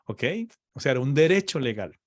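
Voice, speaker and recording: A man's voice: medium pitch, very animated, no room sound, studio quality. A man teaching on faith in a conversation, explaining patiently and often checking "ok?" with his listener. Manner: slow, explaining, checks understanding with "¿ok?". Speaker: preacher.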